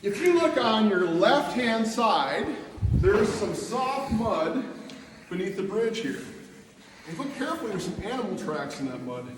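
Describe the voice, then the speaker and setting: A man's voice: sits high, sing-song, unhurried. A man working as a cave tour guide, instructing a group and putting questions to them in an echoing cave. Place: inside a cave, group around. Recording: echoey cave, distant mic, faint noise.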